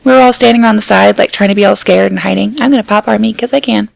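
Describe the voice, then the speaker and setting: A woman's voice: mid-range voice, fairly even intonation, racing, gravelly, no room sound, rough recording. A woman casually chatting and commenting on a game she is playing with a friend, playful and self-mocking. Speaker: gaming channel co-host.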